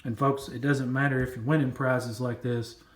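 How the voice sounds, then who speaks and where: A man's voice: mid-range voice, level tone, normal speed, roomy sound. A man chatting casually while opening a package, rambling and repeating himself as he goes. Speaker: coin collecting vlogger. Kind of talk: casual unboxing chat.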